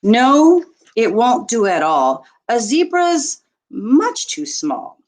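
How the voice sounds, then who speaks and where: A woman with a fairly high, very animated and slightly mellow voice reads a rhyming children's book aloud. Her delivery is teacherly, expressive and deliberate, aimed at young listeners.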